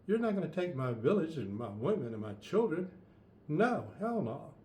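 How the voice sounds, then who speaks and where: A man's voice: mid-range voice, sing-song, normal speed, warm tone, slight background noise, lightly acted. A stubborn, defiant village king, as a man puts him on while telling a tale. He refuses bluntly, his voice a little raised, with a roomy echo around it.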